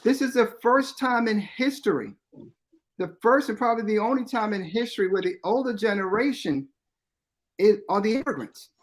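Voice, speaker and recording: A man's voice: high voice, expressive, normal speed. A man in his fifties, a guest on a radio talk show, explaining his views earnestly and repeating key points for emphasis. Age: 50s.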